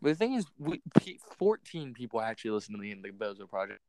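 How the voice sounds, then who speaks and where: A man's voice: lowish voice, sing-song, fast, darkish tone, dry recording, rough recording. A man hosting a casual podcast chat, rambling in a laid-back way and saying "bro" and "like" a lot. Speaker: podcast host.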